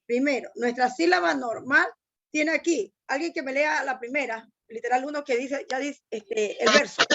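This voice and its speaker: High-voiced woman teaching a class online. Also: moderate pace, fairly bright tone, dull audio. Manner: patient, explains step by step, asks students to read aloud. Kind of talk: online language lesson.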